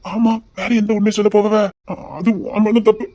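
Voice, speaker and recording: Mid-range and level, this woman's voice moves at a moderate pace and is only lightly acted. She's cast as a young man courting his sweetheart in an amateur romantic drama, teasing with a lilt and then softening into tenderness.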